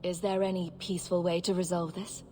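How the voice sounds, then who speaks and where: A woman's voice: lowish voice, flat delivery, brisk, dark tone, a little hiss or hum, lightly acted. A woman voicing a wry confident adventurer. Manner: dry and teasing. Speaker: game character.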